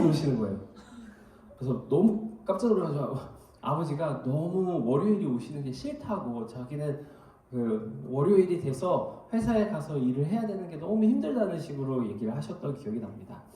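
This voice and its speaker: A man preaching a sermon as pastor, telling everyday stories in an animated way. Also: fairly high pitch. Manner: animated storytelling with anecdotes. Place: church hall. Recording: very echoey hall, mic at a distance.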